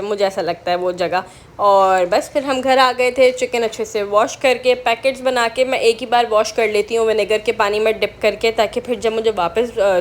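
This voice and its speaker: A young woman narrates her daily vlog in a relaxed, conversational voice-over. Her voice sits a little higher than most women's, and she keeps turning to the viewers with questions. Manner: chatty, often asks viewers directly. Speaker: vlogger.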